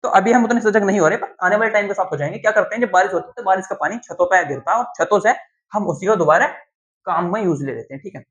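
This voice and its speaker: Male teacher, from uttar pradesh india, classroom lecture, repeats key terms, asks and answers own questions, higher voice. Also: fast talker, a bit bright. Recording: dull lo-fi sound.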